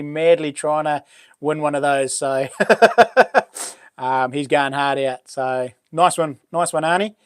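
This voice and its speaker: Matey Kiwi bloke with a broad accent. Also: male voice, fairly high pitch, dry recording, studio quality. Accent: broad New Zealand. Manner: matey, informal, slangy. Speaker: livestream host. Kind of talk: casual live chat with viewers.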